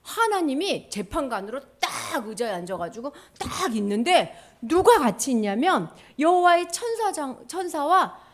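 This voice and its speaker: A woman preaching to children in a high, lively voice that leaps up and down. She keeps asking the kids questions and retells the story with animation. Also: unhurried, hardly any pauses. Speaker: children's pastor. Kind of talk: children's sermon.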